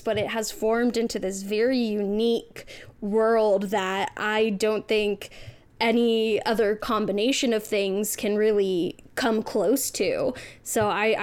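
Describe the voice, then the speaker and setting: A woman's voice: mid-range voice, smooth. A woman hosting a podcast, musing aloud with "um" and "like" as she reads out listener questions. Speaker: podcast host. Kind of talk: casual interview chat.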